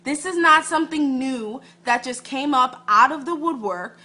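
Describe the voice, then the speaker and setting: A woman's voice: sits high, normal speed, sharp tone. A woman giving emphatic commentary.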